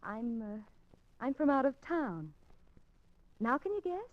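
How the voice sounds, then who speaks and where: This actress sits high and sounds very animated and exaggerated, speaking slowly on a dry, dull 1950s radio recording. Playing an anxious, determined woman working undercover in a radio suspense drama, she delivers her lines coyly and hesitantly, seeming coy and flustered.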